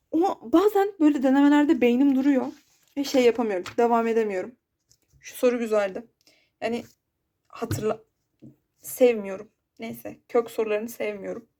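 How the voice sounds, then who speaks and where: A woman's voice: a little high, warm tone. A young woman talking casually in a study vlog, chatty and frustrated with herself. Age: young adult. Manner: chatty, frustrated, self-deprecating. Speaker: exam student vlogger.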